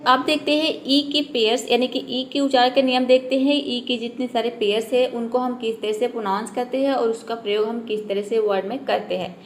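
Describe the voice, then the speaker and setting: A woman's voice: fairly high pitch, fairly even intonation, a little fast, hardly any pauses, a little hiss or hum. A woman teaching an English pronunciation lesson step by step, asking and answering her own questions.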